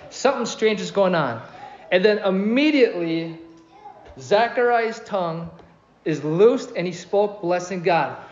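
Pastor, male, animated sermon, slightly high voice, echoey dull church recording. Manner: animated, asks the congregation questions.

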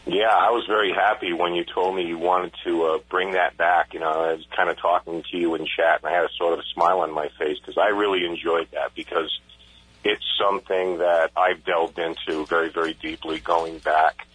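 A man's voice: low voice, level tone, fairly quick, fairly bright tone, slightly rough, poor audio. A man talking casually and conversationally on a radio talk show. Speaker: radio co-host and event organizer.

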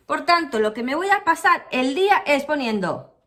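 A young woman, giving a casual, slangy online English lesson in a lively, chatty way. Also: high-pitched, moderate pace, reverberant, in a large hall. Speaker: English teacher.

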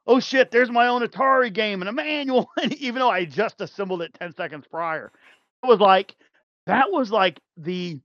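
A man with a high voice chats loosely as a podcast guest, circling back with fillers and restarts and laughing often. The sound is dry and a bit muffled. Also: fairly bright tone, no room sound. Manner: rambling, many fillers and restarts, laughs easily. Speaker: podcast guest, game developer. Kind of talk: casual chat.

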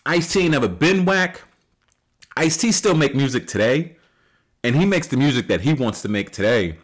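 A man in his late thirties hosting a solo podcast, talking casually and rambling with many fillers and restarts, rising loud and high when he makes a point. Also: lively intonation, moderate pace. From United States. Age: 30s. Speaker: podcast host.

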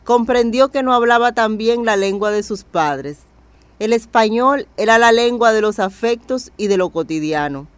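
Measured documentary narrator, dry sound. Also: mid-range voice, expressive, clean tone, dry recording.

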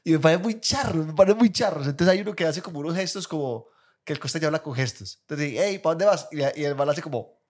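A man's voice: on the high side, fast talker. A man co-hosting a casual podcast, who gushes, repeats himself and calls the others "amor". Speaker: podcast co-host.

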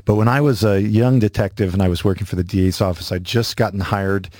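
A man's voice: on the low side, fairly even intonation, quick pace, darkish tone, dry recording. A middle-aged man hosting a radio show in a studio, chatting casually, laughing easily and telling stories. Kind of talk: casual talk-radio chat.

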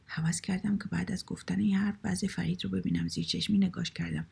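Gravelly, husky woman reading a story. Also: fairly low pitch, steady tone, a little mellow. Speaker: narrator.

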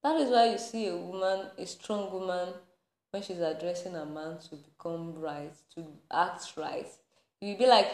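A woman's voice: medium pitch, darkish tone. A woman podcast host in a passionate faith-based rant, laughing between points and building to anger. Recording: roomy echo.

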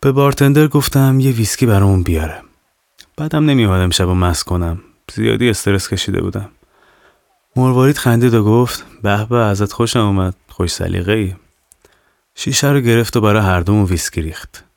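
A man narrating a serialized horror audio novel in the first person, calm and measured. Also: fairly low pitch, no room sound, clean studio sound. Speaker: narrator and author.

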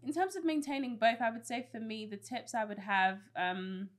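A woman's voice: a little high, moderate pace. A British woman co-hosting a podcast, chatting casually with many restarts and easy laughter. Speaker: podcast co-host. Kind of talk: casual chat.

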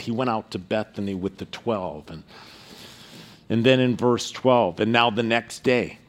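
A man preaching an expository sermon as a pastor, speaking in a measured, halting way with deliberate pauses. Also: mid-range voice. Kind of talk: expository sermon with Bible reading.

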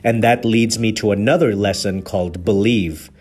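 A man's voice: on the low side, normal speed, a little mellow. A man from Kenya hosting a podcast, giving an earnest, preachy motivational talk on leadership that is full of rhetorical questions. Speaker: podcast host.

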